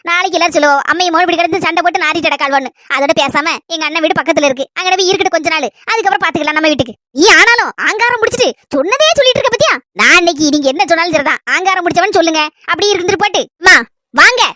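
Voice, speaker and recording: A woman with a Kanyakumari Tamil accent performing a village family comedy skit, scolding in a quick, shrill way. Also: sharp tone, dry recording, clean studio sound.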